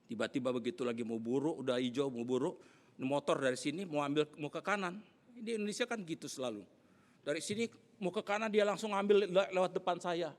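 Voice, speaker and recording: A middle-aged man preaching a sermon as pastor, telling stories with lively, animated delivery. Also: a little high, fairly quick. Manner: animated storytelling, acting out angry shouts. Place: church hall. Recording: echoey church hall.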